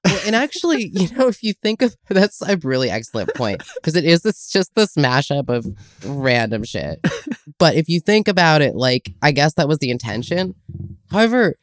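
Podcast co-host, casual chatty rambler, middle pitch, dry mic. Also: sing-song, moderate pace, dry recording. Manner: rambling, hedging with many fillers. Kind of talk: casual chat.

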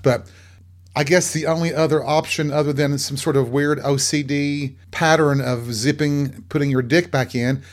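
A man of middle pitch hosts his own show, talking on his own in a chatty, campy way. He breaks off into cheeky self-mocking asides as he goes. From American South. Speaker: podcast host. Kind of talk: solo comedic monologue.

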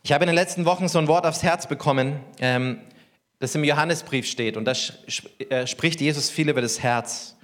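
A man's voice: on the high side, brisk, a bit bright. A man preaching a sermon as pastor, talking conversationally and asking the congregation questions.

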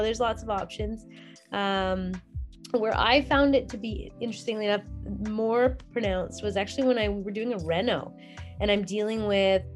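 A woman dentist speaking as a panel guest, reflective and halting, often pausing with fillers. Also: mid-range voice. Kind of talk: casual panel chat.

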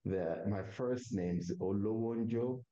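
A man's voice: deep voice, normal speed, dark tone, breathy edge, muffled recording. A man from Togo with a Togolese accent, a native Kabiye speaker, telling his story conversationally as an interview guest and often restarting his phrases.

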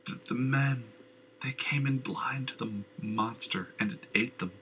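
A man voicing a haunted, raving madman who leaps between shrill cries and rasping whispers. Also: measured pace, pushed and bright, slight background noise, poor audio. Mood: shaken. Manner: wild cackling ravings, drops to rasping whispers. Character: raving mad old man, haunted and twitchy.

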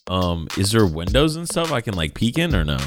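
A man with a very low voice plays his part at a tabletop game, swearing, laughing and joking loosely. Background music plays under the session. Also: sing-song, a little fast. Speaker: player. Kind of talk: casual tabletop play.

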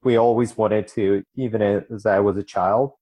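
A man from Ukraine who moved to the United States as a young adult, answering interview questions in a measured, explanatory way. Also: fairly low pitch, steady tone, dark tone. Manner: measured, explanatory, with occasional restarts. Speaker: interview guest.

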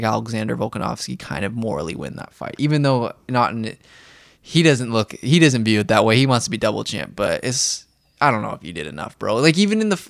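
A man's voice: mid-range voice, fairly bright tone, dry recording. A young man hosting a podcast in casual chat, rambling and laughing often. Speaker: podcast host.

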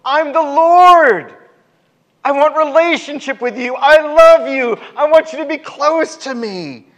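A man voicing God, who pleads with his people in a raised, slow, emphatic voice. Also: very high voice, fairly bright tone, muffled recording, voice pushed up. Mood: pleading.

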